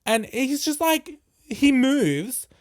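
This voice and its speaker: A podcast host, telling a story casually in a profane, animated and jokey way. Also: high-pitched, slow.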